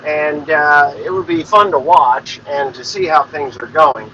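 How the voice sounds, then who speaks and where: A man's voice: a little high, a little slow, sharp tone, highs cut off, slight background noise. A man in his forties, a farmer hosting his own show, talking in a plain-spoken, rambling way and swearing freely from inside a vehicle. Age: 40s. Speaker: farmer and podcast host. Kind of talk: casual rambling monologue.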